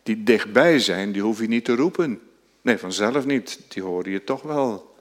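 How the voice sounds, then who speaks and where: Male preacher, sermon delivery, slow and earnest, builds to fervent drawn-out emphasis. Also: lowish voice, expressive. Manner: frequent tag "hè" and restarts.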